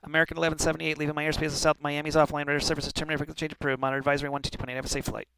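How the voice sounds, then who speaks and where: A man's voice: on the high side, little pitch movement, rapid-fire, creaky. A man working as an air traffic controller, giving clipped formal instructions with occasional informal asides. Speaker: air traffic controller in online flight simulation.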